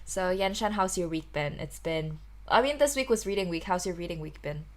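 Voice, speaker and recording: A woman's voice: on the low side, expressive, brisk. A woman in her twenties from Hong Kong, hosting a casual podcast and chatting with lots of "like" and restarts. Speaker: podcast host.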